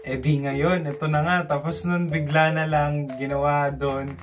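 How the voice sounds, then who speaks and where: A young man with a Filipino accent speaks in a slightly high register. He tells his story casually and with animation, like a vlogger talking to followers. Music plays clearly behind his voice. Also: a little slow. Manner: animated, acting out quoted dialogue, giggly. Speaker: vlogger recounting call center training. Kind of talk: casual storytelling vlog, mixing Tagalog and English.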